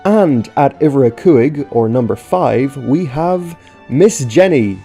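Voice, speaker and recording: A man's voice: medium pitch, expressive, slow, warm tone, husky. An Irish man hosting a ranked countdown, chatty and stretching out his announcements. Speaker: host. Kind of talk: ranking commentary. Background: faint background music.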